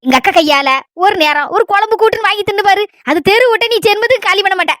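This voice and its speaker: A woman playing a shrill, pushy neighbour. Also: fast talker, fairly bright tone, dry recording, studio quality. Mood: insistent. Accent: Kanyakumari Tamil. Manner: insistent, nosy, bossy. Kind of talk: comedy skit acting.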